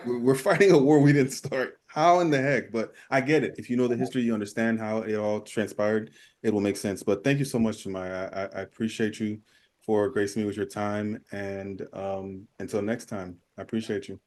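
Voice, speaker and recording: Lowish-voiced man hosting, halting delivery. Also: fairly even intonation, a little mellow. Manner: halting, often repeats words as he searches for phrasing. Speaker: podcast host. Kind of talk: casual conversational interview.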